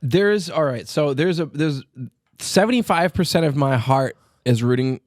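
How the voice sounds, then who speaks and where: A man co-hosting a podcast with casual, rambling sports banter, excitable and freely swearing. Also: on the high side, moderate pace, dry recording. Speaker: podcast co-host.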